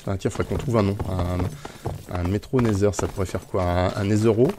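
Over some background noise, a man with a low voice and fairly even intonation talks at a moderate pace while playing Minecraft. His streaming commentary wanders, packed with "euh" and punctuated by small laughs.

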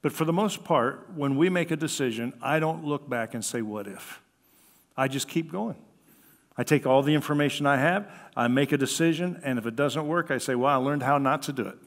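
An older man with an American accent preaches conversationally and briskly from a lectern inside a church sanctuary. The long reverb of the hall surrounds his mid-pitched voice. His delivery is animated, and he takes on the words of those he quotes.

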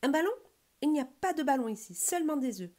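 A woman's voice: a little high, huge pitch swings, a little fast, darkish tone, voice pushed up. A woman voicing a huge, suspicious stork guarding its eggs, in a storybook reading. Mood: accusing. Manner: clattering, accusing.

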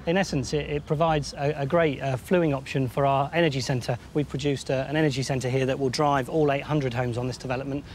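A man in his thirties, a housing developer, explaining a site in an interview, talking haltingly with many fillers and restarts. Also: medium pitch, steady tone. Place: large empty old building indoors. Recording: echoey hall with faint noise.

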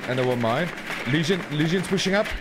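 A man chatting casually with teammates in a shooter game, excitable and swearing often. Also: a little high, brisk. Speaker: gamer in voice chat. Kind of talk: casual gaming chat. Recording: voice chat over noisy game audio.

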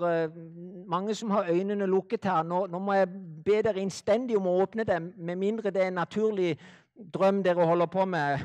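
A man preaching a sermon to a live audience. He speaks slowly and deliberately, repeats phrases for effect, and sometimes drops to a hush. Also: high voice.

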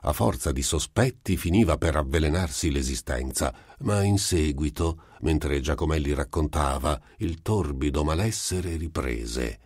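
Very deep, husky male narrator. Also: darkish tone, dry recording, clean studio sound. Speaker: audiobook reader. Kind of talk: amateur audiobook narration.

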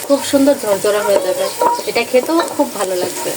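A woman's voice: medium pitch, a little fast, heavy background noise. Woman explaining her cooking over sizzling oil. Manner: gentle, explains step by step. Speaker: vlogger's sister, cook. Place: home kitchen. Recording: kitchen recording with loud frying sizzle.

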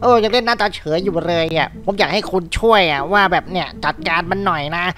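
A man voicing a fed-up adult male neighbor who rants and yelps irritably while playing a game, over loud music. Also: high-pitched, lively intonation, fast. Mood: pleading. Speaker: game player. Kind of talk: comedic let's-play commentary.

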